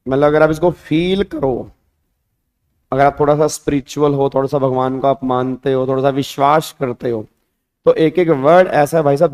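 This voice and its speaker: A man with a hoarse voice teaching an online class, chatting casually and speaking calmly. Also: medium pitch.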